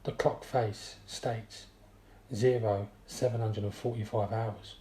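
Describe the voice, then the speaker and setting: Man reading his own war story out loud, mellow dark voice, steady pace, echoey room. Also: lowish voice, takes it slowly, a little hiss or hum. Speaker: narrator. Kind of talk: first-person story reading. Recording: roomy echo.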